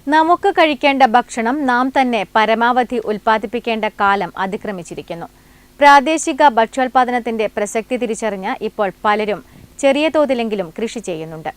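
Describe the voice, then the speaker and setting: A woman reporter narrating a news story in clear, formal speech. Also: on the high side, expressive, brisk.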